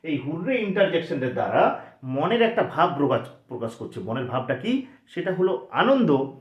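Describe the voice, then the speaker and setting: Speaking at a moderate pace in a slightly high, sing-song voice, this man walks students through a grammar lesson for exam preparation. He explains each step and asks questions, then supplies the answers himself, on an echoey, dull lo-fi recording.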